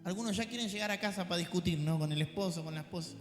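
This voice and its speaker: A male pastor with a Rioplatense accent preaching a sermon, animated and dropping joking asides to the congregation. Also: sits high, rapid-fire. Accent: Rioplatense Spanish. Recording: echoey church hall with faint music.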